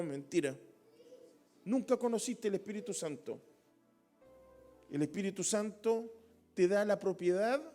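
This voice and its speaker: A man's voice: high voice, a little mellow. A man with a Chilean Spanish accent teaching a Bible study, emphatic and rising to impassioned calls.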